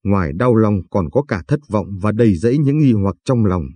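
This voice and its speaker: A man reads a scripted family story in a steady, even way. His voice is low, dark and husky, recorded close and dry with no room sound. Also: moderate pace, no echo. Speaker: narrator.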